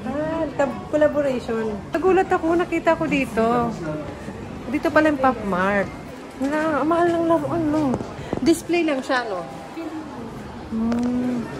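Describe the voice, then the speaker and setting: Chatty Filipina vlogger on a noisy street. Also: female voice, high-pitched, animated, a crowd in the background. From Philippines. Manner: chatty, mixes English words in, quick exclaims. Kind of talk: casual vlog chat. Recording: phone audio with street noise.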